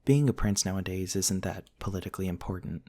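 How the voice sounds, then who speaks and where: This man plays a soft-spoken vampire prince, centuries old and courtly, in a quiet ASMR roleplay. His low voice moves at a quick pace, tender and hesitant yet formally polite, and he comes across as modest and lightly amused.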